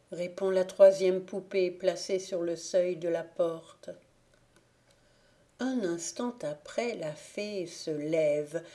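A woman reading a fairy tale aloud for an audiobook, telling it slowly and evenly. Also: fairly low pitch. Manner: slow, even storytelling. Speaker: audiobook reader.

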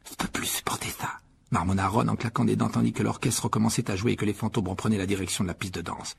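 A man reading a novel aloud as audiobook narrator, lively storytelling. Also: fairly low pitch, very fast, creaky, slight background noise. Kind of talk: scripted narration.

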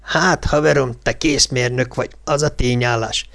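A man voicing a gruff older small-town policeman who lectures in blunt, folksy dialect. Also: mid-range voice, steady tone, a bit bright. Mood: lecturing. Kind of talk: audiobook character voice.

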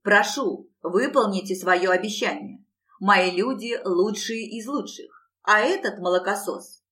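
A woman's voice: medium pitch, unhurried, a bit bright, lightly acted. A woman voicing a fat red-haired male bandleader who pleads and blusters. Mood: pleading.

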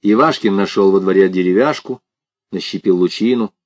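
A man narrating an audiobook in an expressive, dramatic reading style. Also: sits low, moderate pace.

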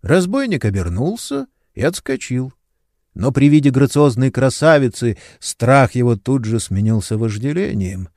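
A man's voice: mid-range voice, sing-song, moderate pace, darkish tone, no echo, clean studio sound. A man narrating a fantasy novel as an audiobook, reading dramatically. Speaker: audiobook reader.

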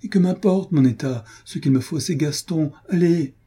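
A man's voice: medium pitch, normal speed, mellow, husky. A man reading aloud, voicing a grief-stricken young noblewoman who pleads in a feverish, desperate way.

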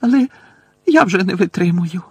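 A man reading an audiobook voices a desperate teenage schoolgirl who pleads in a high, shrill, cracked voice. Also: lively intonation, moderate pace, husky. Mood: sobbing.

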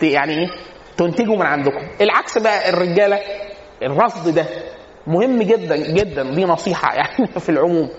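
A man's voice: sits high, a little hiss or hum. A man with an Egyptian accent giving a casual religious lecture on family life. He talks with humor and keeps answering his own rhetorical questions. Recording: echoey hall, dull lo-fi sound.

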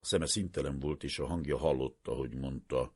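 A man narrating a story aloud in a measured, expressive way. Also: extremely low pitch, husky, no room sound, clean studio sound. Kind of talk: storybook reading.

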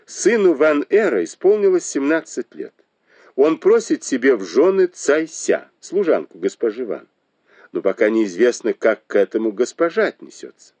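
A shrewd noblewoman with a sharp, mocking tongue, as a male reader puts her on. The voice sits higher than his own and swings widely in pitch. The recording is close and dry, with no room sound. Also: big pitch swings, normal speed, dry recording. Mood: explaining. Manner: mocking, reproachful.

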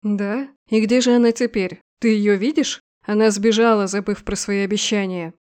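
A woman voicing a furious male general who speaks low and strained, as in a growl, in a storybook reading. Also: fairly even intonation, moderate pace, a little mellow, clear, resonant tone, natural voice. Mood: mocking.

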